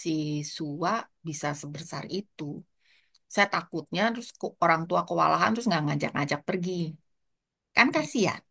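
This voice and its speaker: Bright-voiced older woman, Jakarta slang. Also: lowish voice, moderate pace, creaky, breathy edge. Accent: Jakarta colloquial Indonesian. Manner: lively storytelling with quoted asides. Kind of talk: casual advice chat.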